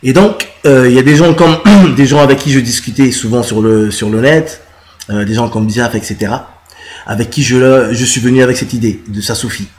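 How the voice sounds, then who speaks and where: A man from the Congo talks straight to the camera about his cause. His is marked, and his speech keeps stopping on fillers and restarts. His voice sits at an ordinary middle pitch. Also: fairly even intonation, a little mellow. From Republic of the Congo. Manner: halting, many "euh" fillers and restarts. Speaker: musician and citizen activist. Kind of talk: casual direct-to-camera explanation.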